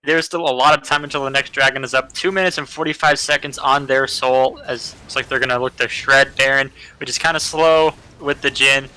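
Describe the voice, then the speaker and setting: A man giving color commentary on a live esports match, breaking down plays in a relaxed, slangy way. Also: medium pitch, brisk, few pauses, clean tone, rough recording.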